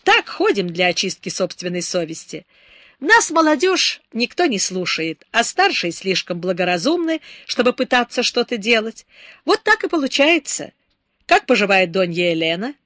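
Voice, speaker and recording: A weary young doctor, as a woman reader puts him on speaks wryly, resigned to hopeless arguments. His pitch sits in a middle register. The voice is dry and close to the microphone. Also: very animated, moderate pace, bright, forceful tone, no echo.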